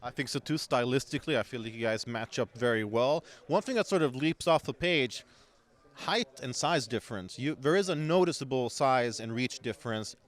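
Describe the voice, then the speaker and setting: A man's voice: mid-range voice, expressive, moderate pace. A man hosting a sports interview as a fight promotion's interviewer, with a polished, promotional delivery.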